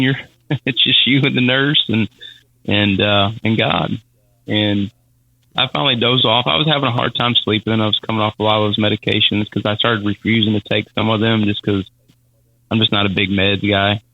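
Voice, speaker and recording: A man telling a personal faith testimony as a podcast guest, halting and repeating words as he speaks. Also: fairly low pitch, vocal fry, no room sound, narrow, tinny audio. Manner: halting, repeats words, Southern-style casual phrasing.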